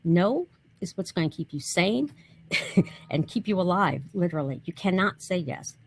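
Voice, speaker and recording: A woman's voice: on the low side, expressive, normal speed. A woman around fifty speaking bluntly and emphatically as a panelist in a casual online discussion.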